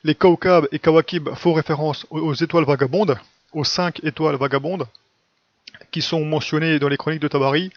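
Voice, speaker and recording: Somewhat high-voiced and a touch fast, with fairly even intonation, he delivers an informal teaching monologue for a religious video, full of "hein" and "quoi" tags. There's no echo in the close, slightly dull, lo-fi recording.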